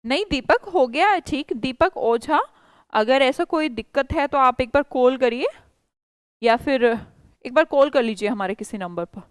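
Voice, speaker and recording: A woman teaching a spoken English class online, coaxing her learners to answer faster. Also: high voice, expressive, smooth, dry recording.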